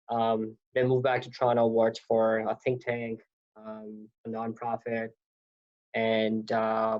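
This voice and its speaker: A man in his thirties from Pakistan, with a medium-pitched, somewhat dark voice, talks casually as an interview guest. He rambles and keeps correcting himself. The audio is dull and lo-fi.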